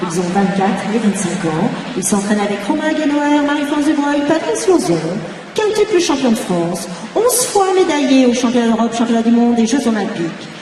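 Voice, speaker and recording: A woman making formal announcements over a public-address loudspeaker at an ice rink, in a measured, ceremonious delivery. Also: very animated, far from the mic, background noise. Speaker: arena announcer. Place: large ice arena. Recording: booming loudspeaker in a vast echoing arena, heard from afar.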